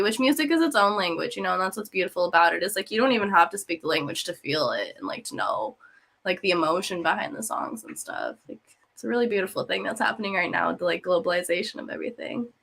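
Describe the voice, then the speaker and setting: A woman's voice: mid-range voice, quick pace, creaky, a bit bright. A woman in her twenties, a musician, chatting expressively as an interview guest. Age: 20s. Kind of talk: casual interview chat.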